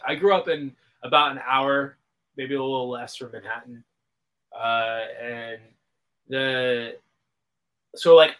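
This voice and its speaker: A man in his thirties, a band member guest, telling stories in an animated way full of "like" and "man". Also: medium pitch. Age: 30s. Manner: animated storyteller, lots of "like" and "man". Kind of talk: casual chat.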